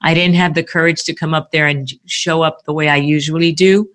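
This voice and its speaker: A woman speaks as a podcast guest in casual conversation, warm, reflective and candid. Her voice is notably low for a woman, and she talks about herself openly. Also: steady tone, fairly quick.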